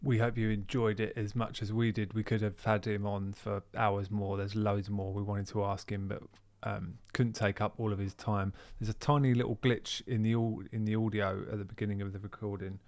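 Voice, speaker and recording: A man's voice: on the low side, flat delivery, normal speed, few pauses. A man hosting a podcast, introducing the guest in a chatty, informal way. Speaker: podcast host. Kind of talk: casual podcast intro and interview.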